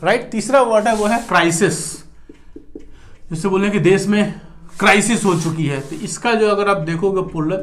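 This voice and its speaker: A man's voice: high-pitched, brisk. A man with an Indian accent teaching English grammar, switching between Hindi and English and checking in with "right" after nearly every sentence. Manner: mixes Hindi and English, keeps asking "right" and calling viewers friends. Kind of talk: classroom grammar lecture.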